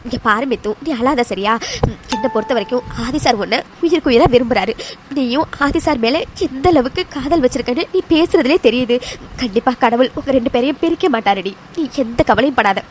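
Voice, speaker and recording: A woman's voice: a little high, expressive, a little fast, slight background noise, close to an everyday voice. A woman voicing a caring young female friend in a cartoon, who coaxes and reassures in a soothing way. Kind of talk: animated cartoon dialogue.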